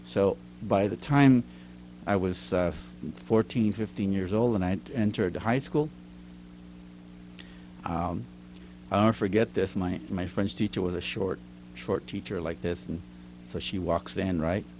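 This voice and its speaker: Chatty man with a low voice, storytelling. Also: measured pace, a little mellow, a little hiss or hum. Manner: chatty, laughs often, acts out quoted lines. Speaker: interview guest, teacher and writer. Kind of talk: casual storytelling interview. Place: recording studio.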